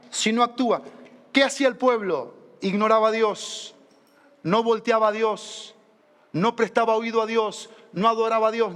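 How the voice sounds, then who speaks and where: A male pastor preaching a sermon, reading scripture aloud and putting rhetorical questions to the congregation in a deliberate, emphatic way. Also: high-pitched, big-room sound. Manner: deliberate, emphatic delivery with repeated phrases. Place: church sanctuary.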